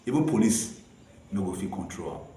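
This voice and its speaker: A man's voice: deep voice, animated, moderate pace, warm tone, slight background noise. A man with a Nigerian accent co-hosting an impassioned civic discussion in Nigerian Pidgin, making his points emphatically and repeating them for force. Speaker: co-host of a citizens' rights programme. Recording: echoey room, distant from the mic.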